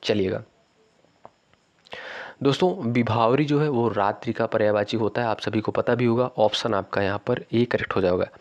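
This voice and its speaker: A man teaching an exam-prep lesson. He reads each quiz question slowly, often says it twice, calls his viewers friends and repeats the correct option. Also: fairly low pitch, dull audio. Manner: repeats questions slowly, stretches words, keeps saying "friends".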